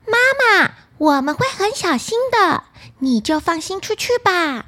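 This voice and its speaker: A woman voicing a group of small young goats, shrill and loud, shouting together. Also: big pitch swings, measured pace, exaggerated voice. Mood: reassuring.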